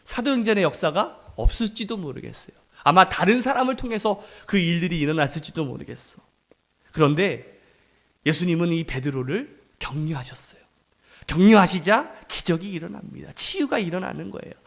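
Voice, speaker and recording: A middle-aged male pastor giving a sermon in a lively, conversational way, acting out quoted lines. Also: sits high, fairly quick.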